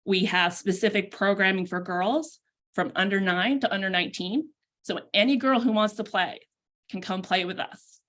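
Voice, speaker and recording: A woman, a youth soccer club's technical director, reading prepared remarks in a steady, earnest way over a video call. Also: medium pitch, normal speed.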